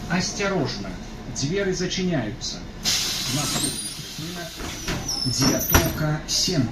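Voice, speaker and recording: A man giving formal, measured stop announcements, played over a bus loudspeaker. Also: on the high side, lively intonation. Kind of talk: recorded transit stop announcements. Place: inside a moving bus. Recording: echoey loudspeaker from far off, loud vehicle noise.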